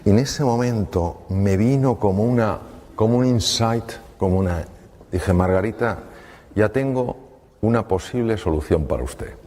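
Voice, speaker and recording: A middle-aged man, a doctor telling an anecdote to an audience and acting out the dialogue with pauses. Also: on the low side, dark tone. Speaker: doctor giving a talk. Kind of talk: storytelling talk to an audience. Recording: hall reverb with faint room noise.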